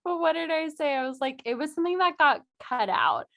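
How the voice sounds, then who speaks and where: A woman's voice: high voice, animated, brisk, fairly bright tone. A young woman co-hosting a podcast, chatting casually and giggling through her words with lots of fillers. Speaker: podcast co-host. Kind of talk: casual chat.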